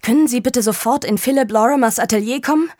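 A woman voicing a shaken young woman in a crisis, speaking in a tense, raised and hurried way. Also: mid-range voice, a little mellow, dry recording, pitched above the performer's own voice, natural voice. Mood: urgent. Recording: dry close studio sound.

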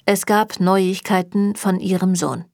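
A woman narrating a German fantasy audiobook in a calm, even storytelling manner. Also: medium pitch, measured pace, vocal fry, dry recording, clean studio sound. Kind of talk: scripted narration.

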